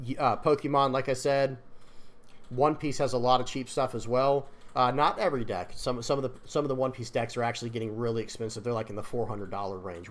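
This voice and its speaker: A man giving casual opinion commentary on his card game channel, rambling earnestly, restarting sentences, repeating words and apologizing as he goes. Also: medium pitch. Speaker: card game content creator.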